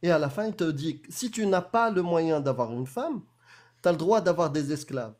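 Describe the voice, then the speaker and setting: A man's voice: a little high, lively intonation, moderate pace, a little mellow. Man pressing hard in a heated debate. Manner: pressing, mocking, talks over the other. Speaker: debate host.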